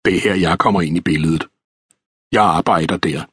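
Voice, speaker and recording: Low husky male audiobook narrator. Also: a bit bright, dry recording, clean studio sound.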